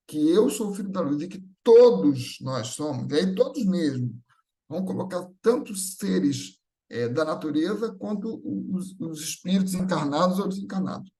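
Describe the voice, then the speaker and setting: A high-pitched, warm-toned man speaks with a Brazilian accent at a Spiritist gathering. His spiritual talk is conversational and instructive, built on repeated phrases, rhetorical questions and check-in tags.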